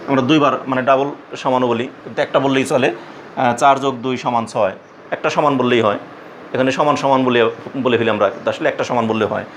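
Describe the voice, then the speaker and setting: A man at a middle pitch teaches a math lesson to young students. He explains patiently, repeats himself often and stops to ask whether they follow. A faint air conditioner hum sits under his voice. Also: steady tone, fast. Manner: patient, repetitive explaining with frequent fillers and questions.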